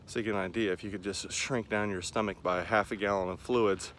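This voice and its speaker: A man in his forties paces around a park by a lake, rambling to camera in a casual running vlog and putting himself down good-naturedly. He speaks a little fast in a fairly low, fairly bright voice with fairly even intonation, recorded with clear outdoor ambience.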